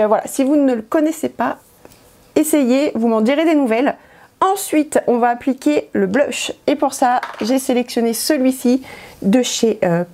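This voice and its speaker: A woman's voice: a little high, a little mellow. A woman chatting casually through a makeup tutorial, hesitant with many fillers. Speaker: beauty vlogger.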